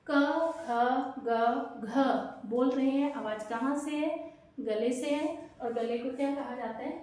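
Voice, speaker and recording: A woman teaching an exam-prep grammar lesson, explaining slowly and asking and answering her own questions. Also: high-pitched, a little mellow. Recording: very echoey room, distant mic.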